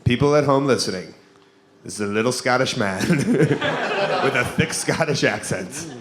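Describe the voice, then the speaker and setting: A man's voice: medium pitch, lively intonation, moderate pace. A man hosting a live podcast on stage, chatting casually with guests in a noisy venue. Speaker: podcast host.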